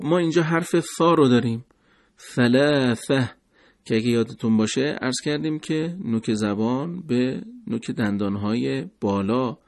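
Male teacher, mid pitch, patient lesson delivery with slowed word demonstrations. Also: a little mellow. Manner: slow, deliberate, repeats words to demonstrate sounds. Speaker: recitation teacher. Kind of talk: pronunciation lesson.

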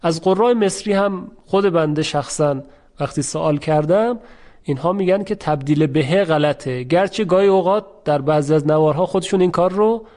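A man giving a Quran pronunciation lesson, speaking slowly and demonstrating sounds by repeating them. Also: a little high, darkish tone. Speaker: Quran recitation teacher. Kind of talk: tajweed lesson.

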